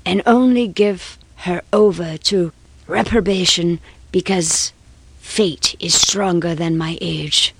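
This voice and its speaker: A woman voicing a trembling, anguished old man in his sixties, speaking in a raised, strained, slow pleading voice. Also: fairly low pitch, fairly even intonation, slightly rough, dry recording, heavily acted. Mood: confessing.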